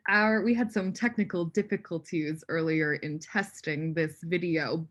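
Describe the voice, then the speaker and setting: Low-voiced woman making an apologetic announcement. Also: a bit bright. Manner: apologetic, brief.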